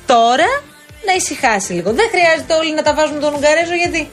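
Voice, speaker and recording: A woman's voice: sits high, animated, faint music behind. A woman co-hosting a radio show in a studio, chatting casually and patiently explaining things step by step. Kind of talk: casual banter on air.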